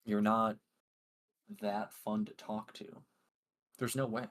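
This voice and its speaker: A man's voice: fairly low pitch, slow pace. A young man co-hosting a podcast in casual, profane, teasing chat. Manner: joking, profane, deadpan teasing. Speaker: podcast co-host.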